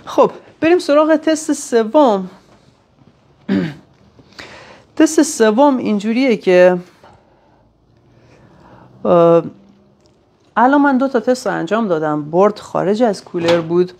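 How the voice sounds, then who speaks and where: A woman's voice: medium pitch, animated, long pauses, a little mellow. Woman explaining sensor tests step by step. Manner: explains step by step, thinking aloud with fillers. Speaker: technician demonstrating sensor tests. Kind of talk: hands-on technical tutorial.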